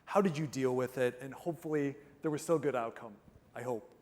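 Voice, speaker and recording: A man moderates an onstage interview at a conference, asking upbeat, conversational questions. His mid-range voice is brisk with a darkish tone, and the hall's sound is reverberant.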